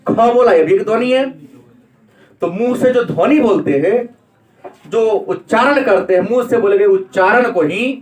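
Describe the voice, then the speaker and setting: A high-voiced male teacher lectures a class on grammar, throwing out questions and answering them himself. He is recorded from across an echoey room. The sound is roomy and distant. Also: a little mellow. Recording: echoey room, mic far off.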